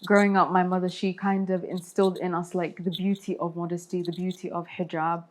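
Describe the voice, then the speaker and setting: A woman's voice: fairly low pitch, level tone, fairly quick. A young woman who grew up between Saudi Arabia and London, chatting casually and laughing at herself while she explains each cooking step. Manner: giggly, self-deprecating, explains steps as she cooks. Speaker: guest cook.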